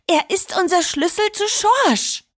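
A woman's voice: very high voice, unhurried, no room sound, studio quality, pitched above the performer's own voice. A woman voicing an eager young female Christmas elf in a storybook, speaking urgently. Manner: urgent, excited. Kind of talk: storybook reading.

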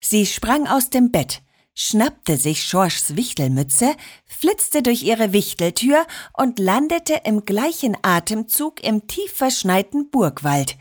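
A woman narrating a children's story in a lively, expressive way. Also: fairly high pitch, slow.

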